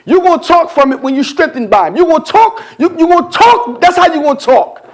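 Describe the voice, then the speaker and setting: A man with a very high, animated voice leads a church Bible study. He preaches in a loose, conversational way, tossing questions at the room and jumping from murmured asides to shouted points. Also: fairly quick. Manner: call-and-response preaching, repeats "huh?" to the congregation; colloquial, swings between quiet asides and shouted emphasis. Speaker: pastor.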